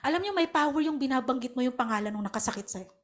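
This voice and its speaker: High-voiced Filipino woman preaching. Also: rapid-fire. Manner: animated Taglish preaching with acted quotes. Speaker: pastor. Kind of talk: sermon.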